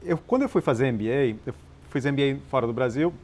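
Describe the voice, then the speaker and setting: A man born in Chile, an interview guest and nonprofit founder, telling his story in a measured, explanatory way with some hesitations. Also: mid-range voice, darkish tone. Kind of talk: relaxed conversational storytelling.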